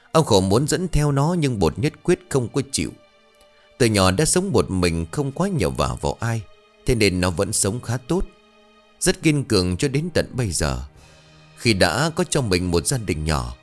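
A man narrating a village folk tale in a lively, colloquial storytelling manner. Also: low-pitched.

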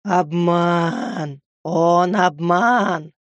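A man putting on a slow, halting demon voice that speaks in broken single words. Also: sits high, steady tone, dry recording, lo-fi sound, voice pushed up. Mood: urgent.

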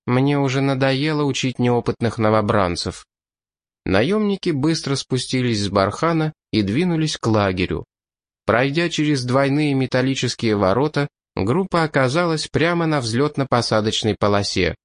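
A man narrates a science-fiction audiobook in a steady, measured voice. His pitch sits in an ordinary middle range. The recording is dry, with a close studio microphone. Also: no room sound.

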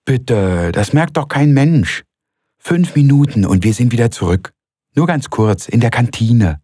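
A man's voice: medium pitch, expressive, measured pace, mellow, husky, no echo, clean studio sound, voice pushed up. A man voicing a friendly, persuasive female coworker who pleads and coaxes. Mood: pleading. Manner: coaxing, pleading.

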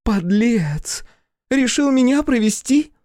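Brash drunk young woman, shrill and mocking, swooping tune, male reader puts her on, storybook. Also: animated, unhurried, mellow, no echo, studio quality. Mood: shrieking. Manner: shrill, mocking, slurred taunts.

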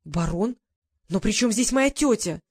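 A woman's voice: medium pitch, a little fast, darkish tone, dry recording, clean studio sound, close to an everyday voice. Anxious proud young lady, read by a woman.

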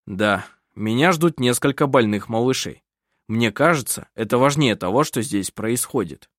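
A reader voicing a tired, quiet man who heals children, in an audiobook. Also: medium pitch, expressive, moderate pace, no echo, clean studio sound, close to an everyday voice. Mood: weary.

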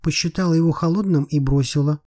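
A man's voice: on the high side, fast talker, warm tone, pitched above the performer's own voice, close to an everyday voice. A man reading an audiobook, voicing a playful, ironic young woman private detective in a raised voice. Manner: teasing, ironic.

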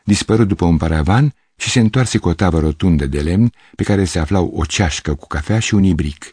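A man narrating a literary story as an audiobook, measured and expressive. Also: low-pitched, slightly rough, dry recording. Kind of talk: audiobook reading.

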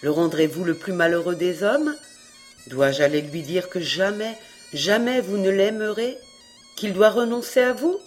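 A reader voicing an earnest young fisherman in love in an audiobook, speaking low and pressing. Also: a little slow, soft background music, natural voice. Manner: warm, pressing, playful. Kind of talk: audiobook reading.

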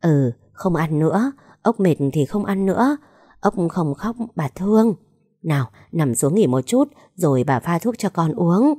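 A woman voicing a kind, doting grandmother who coaxes her sick grandchild softly. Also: on the low side, expressive, unhurried, breathy edge. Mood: coaxing. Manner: soft coaxing.

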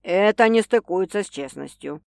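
A woman reading an audiobook, voicing a teasing, domineering young man who speaks slowly and wryly. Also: animated, creaky, darkish tone, no echo, clean studio sound. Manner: slow, low and wry. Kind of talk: audiobook character voice.

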